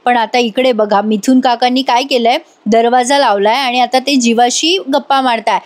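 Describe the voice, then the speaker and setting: A woman's voice: on the high side, steady tone, moderate pace, close to an everyday voice. A woman voicing a young man who asks plain, curious questions. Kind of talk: voice-over retelling of a TV serial.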